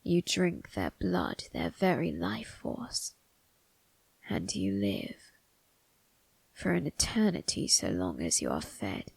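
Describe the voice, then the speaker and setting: A woman voicing a sinister, amused, ageless male grim reaper turned undertaker in an ASMR roleplay, breathy and gravelly, often dropping into a whisper, with a theatrical, teasing delivery. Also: a bass voice, huge pitch swings, darkish tone, no echo, full character voice. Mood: intimate, fascinated. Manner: slow, theatrical, teasing, morbidly musing. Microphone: close microphone, dry.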